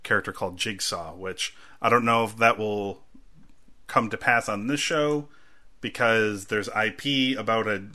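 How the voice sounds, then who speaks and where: Male co-host, low but forceful tone, chatty and rambling, loud bursts when quoting. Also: measured pace. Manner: rambling, acts out quotes loudly. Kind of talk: casual chat.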